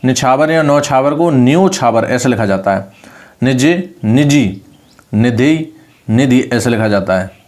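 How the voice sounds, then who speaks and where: In his online spelling lessons, a Hindi exam tutor with a Rajasthani Hindi accent speaks expressively at a measured pace, his middle-pitched voice a little mellow. Words come again and again, with his voice rising on the correct spelling.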